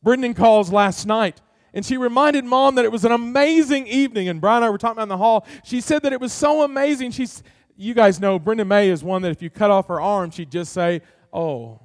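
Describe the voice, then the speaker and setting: High-voiced man preaching earnestly. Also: fairly quick, no room sound, studio quality. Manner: earnest preaching with many rhetorical questions; folksy, tells family stories. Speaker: pastor. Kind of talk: sermon.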